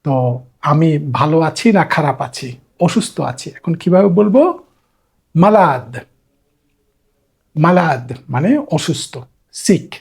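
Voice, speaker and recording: A man's voice: sits high, vocal fry, a little mellow, breathy edge. A man teaching beginners a language lesson, patiently repeating each word and checking in with the class. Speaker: French teacher.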